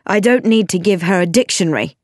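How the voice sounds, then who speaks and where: Woman doing a sharp, proud schoolmistress. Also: mid-range voice, quick pace, no echo, clean studio sound, lightly acted. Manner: sharp and icy. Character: proud, stern older schoolmistress.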